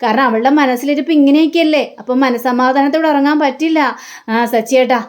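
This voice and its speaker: A woman's voice: high-pitched, fast, natural voice. A woman voicing a tired, patient young wife who speaks wearily. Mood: weary.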